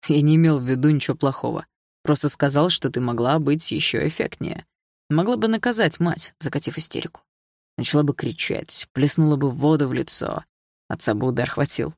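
A cold, mocking young man, as a woman reading an audiobook puts him on. His voice is lowered and gravelly, with a dry, close sound and no room around it. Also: brisk, no room sound. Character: young male stepfamily characters, cold and mocking.

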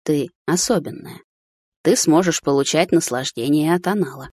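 A woman voicing a sly, mocking older man who talks slowly and teasingly, in a first-person audiobook. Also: low-pitched, darkish tone. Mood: coaxing. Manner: slow, drawling, teasing.

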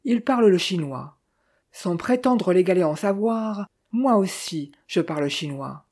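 A patient, courteous middle-aged detective from a French audiobook, as the reader puts him on. He speaks in formal, ornate politeness with a mellow, slightly husky tone. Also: mid-range voice, expressive, measured pace.

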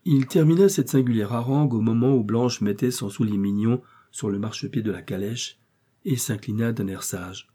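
A man reading a novel aloud as narrator, in a measured storytelling manner. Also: medium pitch, mellow, slightly rough. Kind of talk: audiobook reading.

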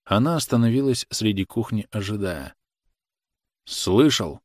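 A man reading a novel aloud in a measured, dramatic narration. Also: on the low side, a little mellow, dry recording. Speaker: audiobook reader. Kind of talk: literary audiobook narration.

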